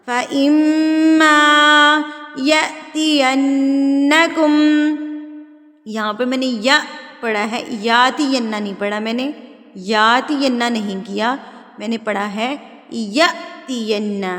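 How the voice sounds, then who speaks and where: A woman teaching Quran recitation rules step by step, explaining patiently, checking that students follow and drawing out example words slowly. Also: fairly high pitch, fairly even intonation, big-room sound. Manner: switches into slow, drawn-out, louder recitation for examples. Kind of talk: step-by-step tajweed lesson.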